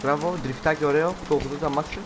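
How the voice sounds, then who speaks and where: A man's voice: on the high side, steady tone, noisy background. Playful young man streaming a game. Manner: playful, rambling, jokey. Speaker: gameplay streamer. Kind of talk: casual live commentary over a game.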